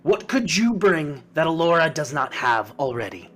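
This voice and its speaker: A man's voice: a little high, very animated, normal speed, a bit bright. A man voicing a proud, stern male elf guard captain who barks orders in a commanding way. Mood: scornful. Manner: barking, commanding.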